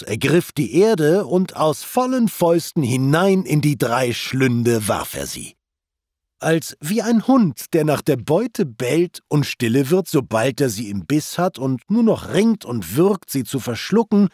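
Slow, solemn male poem reader. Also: medium pitch, darkish tone, dry recording, clean studio sound. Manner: slow, measured verse recitation. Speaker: audiobook reader. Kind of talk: solemn reading of an epic poem.

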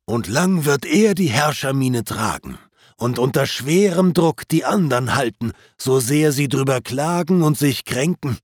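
A man's voice: medium pitch, expressive, a little slow, no room sound, studio quality. A man reading the part of a lamenting male glutton's ghost in an epic poem, with raised, pleading declamation.

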